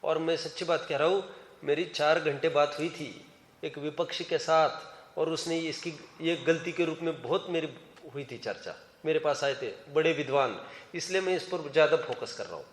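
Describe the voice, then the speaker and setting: A man's voice: on the high side, moderate pace. A man teaching a scripture class, questioning students by name and urging them to raise their hands. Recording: echoey hall reverb.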